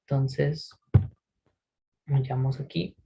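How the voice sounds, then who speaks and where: A man teaching English pronunciation in a recorded lesson, patiently explaining and often checking in with a quick "¿sí?". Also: mid-range voice, steady tone, vocal fry, warm tone, slightly rough, muffled recording. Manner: models English words slowly for repetition.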